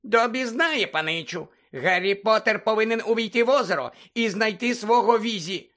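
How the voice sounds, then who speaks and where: A man voicing an excitable male house-elf servant, in a squeaky, high-pitched voice, eager and pleading, who talks about himself in the third person. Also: moderate pace. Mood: insistent. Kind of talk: audiobook character voice.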